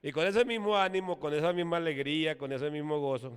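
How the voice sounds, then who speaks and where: A man's voice: on the high side, fairly quick, clear, resonant tone. A man preaching a sermon in a Colombian Spanish accent, emphatic and repetitive, leading his congregation in call-and-response. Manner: emphatic, repeats "hermano" and has the congregation repeat words. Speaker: apostle preaching. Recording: long echoey hall reverb.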